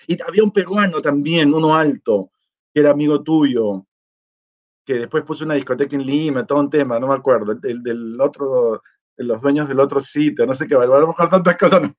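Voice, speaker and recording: A man's voice: fairly high pitch, a little fast. Chatty man on a muffled stream. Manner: chatty and easygoing, reads greetings aloud and answers them. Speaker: vlogger hosting a live chat contest. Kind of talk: casual live-stream chat, reading out viewer comments.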